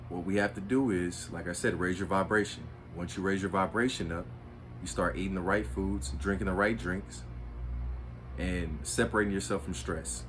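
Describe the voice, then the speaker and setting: A man hosting his own spiritual video, lecturing in an earnest, repetitive, preachy way. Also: deep voice. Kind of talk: monologue to camera.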